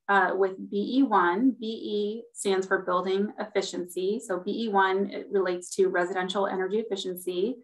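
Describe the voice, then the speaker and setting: A woman's voice: mid-range voice, poor audio. A woman, a city sustainability manager, giving a staff presentation in a public meeting, heard over a group video call and explaining her slides step by step. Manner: steady, explanatory, walks through slides.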